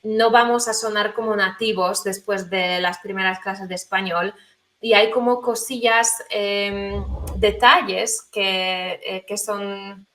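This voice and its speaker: A woman's voice: mid-range voice, steady tone, takes it slowly, fairly bright tone. A woman who works as a language teacher, answering interview questions thoughtfully with frequent hesitations and fillers. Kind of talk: conversational interview.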